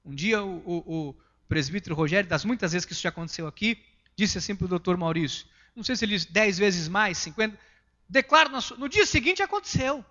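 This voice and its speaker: A Brazilian pastor preaching a sermon emphatically, swinging between loud passages and hushed ones. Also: male voice, very high voice, dull audio. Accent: Brazilian Portuguese.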